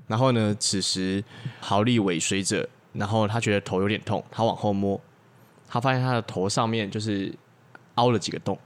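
A man's voice: lowish voice, steady tone, moderate pace. A young man co-hosting a podcast, telling his part of an improvised story in a matter-of-fact way. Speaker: podcast co-host.

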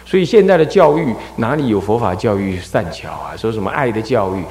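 A Buddhist abbot delivers a dharma lecture, his gravelly voice swinging widely up and down in pitch. He animates his points by acting out parents and children. The talk rings through an echoey hall with a long, trailing reverb. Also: a little fast. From Taiwan. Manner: animated, acts out scolding parents and crying children.

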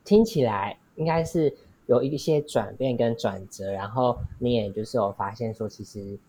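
A man's voice: medium pitch, normal speed, warm tone, a little hiss or hum. A man hosting a casual podcast interview, rambling and rephrasing his questions as he goes. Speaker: podcast host.

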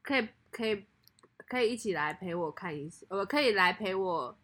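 A young woman co-hosting a podcast in casual chat, laughing often and rambling through quick asides. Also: medium pitch, expressive, fairly bright tone. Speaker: podcast co-host.

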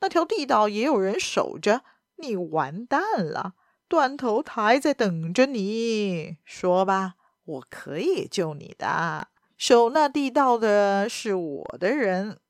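A woman voicing a bold male gentleman thief in a storybook reading, speaking curt and commanding. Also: mid-range voice, very animated, slow pace, no room sound, clean studio sound. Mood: threatening.

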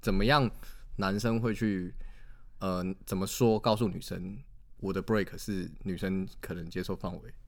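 A man with a Taiwanese Mandarin accent co-hosts a relaxed podcast conversation. His voice sits fairly low, and he talks haltingly, repeating words as he searches for them. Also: creaky. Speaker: podcast co-host. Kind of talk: casual chat.

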